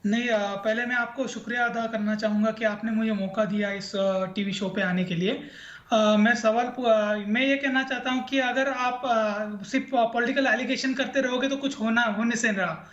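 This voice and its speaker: A man speaking as a guest panelist on a television debate, hesitant with frequent pauses. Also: very high-pitched, fairly even intonation, a bit bright. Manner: hesitant, with many pauses and fillers. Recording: echoey, dull remote feed.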